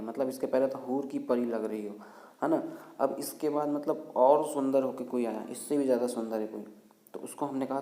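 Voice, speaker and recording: A man from India teaches everyday English phrases in a relaxed, casual way. He repeats each sentence slowly and clearly so learners can follow. His mid-pitched voice rings a little in an echoey room. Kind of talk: casual spoken English lesson.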